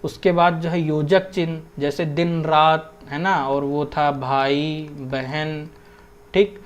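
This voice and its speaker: A young exam prep teacher explains Hindi grammar in a casual lesson, mixing in English words and constantly checking in with "theek hai". His voice is a little high with fairly even intonation, and he takes it slowly; the highs are cut off.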